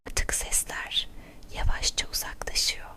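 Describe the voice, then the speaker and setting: A woman whispering a soothing ASMR guided relaxation, gentle, breathy and quiet as if at night. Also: unhurried. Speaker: ASMR host guiding relaxation.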